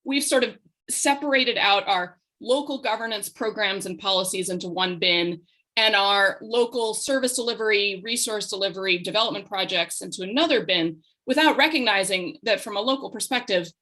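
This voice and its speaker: A woman's voice: mid-range voice, moderate pace, bright, forceful tone. A woman panelist at a policy roundtable, speaking analytically with frequent hesitations.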